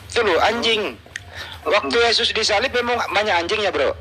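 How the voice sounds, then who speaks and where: A man's voice: high-pitched, normal speed, sharp tone, husky, low-quality recording. A man hosting a heated online debate, mocking and taunting his opponent with the same question over and over. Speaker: debate host.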